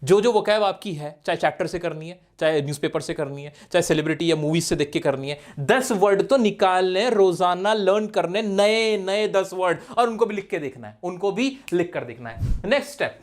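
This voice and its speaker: A man's voice: high voice, animated, moderate pace. A young man with an Indian accent teaching spoken English in a casual, direct way, talking straight to his viewers. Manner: chatty, direct, addresses viewers as brother. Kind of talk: casual classroom-style lesson.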